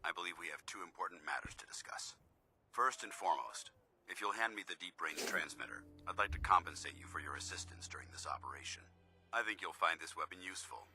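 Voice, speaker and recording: Game soldier officer, stern, earnest, formal and commanding, deep, forceful. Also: male voice, animated, fast talker, faint music behind, exaggerated voice. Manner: formal, commanding military speech. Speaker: game character.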